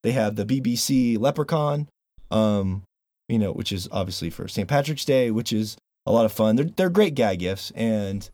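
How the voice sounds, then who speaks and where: This podcast host has a lowish voice and speaks at a normal speed, with no room sound in the recording. He's animated and loose, dropping some swear words as he chats and reading through a sponsor plug.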